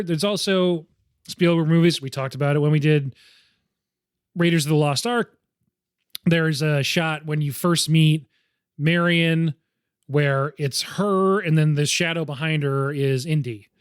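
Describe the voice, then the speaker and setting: A man talking casually on a movie podcast while losing his voice. His voice sits a little high, and he slips into acting out characters' lines as he retells a scene. The recording is close and dry. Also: a little slow, clean tone, dry recording. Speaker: podcast co-host. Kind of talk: casual film discussion.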